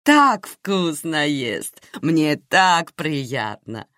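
A woman reader voicing a loud, fussy, doting middle-aged aunt who exclaims and fusses over everyone. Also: low-pitched, big pitch swings, drawn-out words, dry recording, clean studio sound, full character voice. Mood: effusive fussing. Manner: effusive, exclaiming, fussing.

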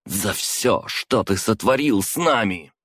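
Male narrator doing a hoarse, fierce woman mage, dry audiobook. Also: on the low side, expressive, slow, fairly bright tone, dry recording, pitched above the performer's own voice, full character voice. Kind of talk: audiobook character voice.

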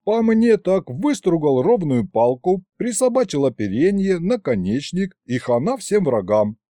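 A man voicing an eager, excitable young man who speaks in a raised, lively voice. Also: on the high side, unhurried, dry recording, studio quality, voice pushed up. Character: eager young man, tsar's adopted son and clerk.

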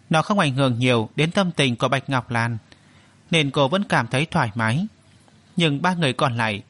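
A man narrating an audiobook in a steady storytelling manner. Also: medium pitch, no room sound.

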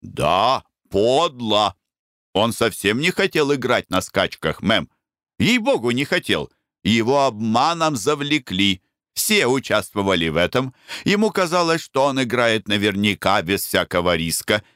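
A man's voice: fairly low pitch, sing-song, measured pace, a bit bright, dry recording, clean studio sound. A man voicing a fussy, tender-hearted older woman servant who pleads emotionally. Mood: pleading.

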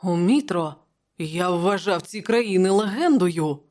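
A narrator reading an audiobook voices a cheerful young nobleman with a light, teasing tone, pitched higher than the narration. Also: animated, a little slow, natural voice. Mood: surprised. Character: cheerful young nobleman friend of the king, man.

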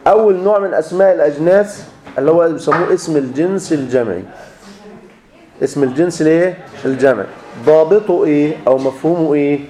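A man's voice: a little high, fast talker, dark tone. A man with an Egyptian accent teaching a grammar class, repeating each rule as a question and answering it himself. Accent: Egyptian Arabic. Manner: drills students with repeated fill-in questions, then answers himself. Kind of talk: classroom lecture. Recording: echoey room.

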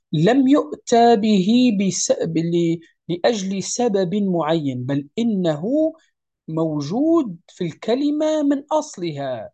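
A recitation teacher explaining a lesson, who chants verses slowly, repeats points and checks that the listener understands. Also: mid-range voice, mellow. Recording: dull lo-fi recording.

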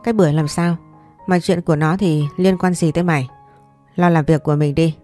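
A woman's voice: sits low, fairly even intonation, brisk, darkish tone, soft background music, lightly acted. A woman voicing a harsh rural mother who scolds and threatens in a story reading. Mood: scolding.

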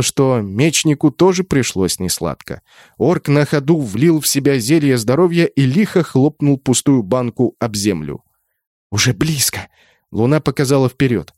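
A man giving brisk first-person narration of an audiobook. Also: medium pitch, animated, a little mellow, dry recording, clean studio sound.

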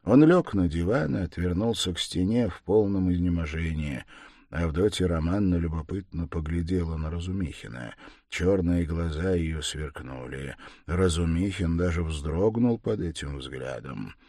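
A man narrating a classic novel as an audiobook, expressive and theatrical. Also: deep voice, moderate pace, no room sound, studio quality.

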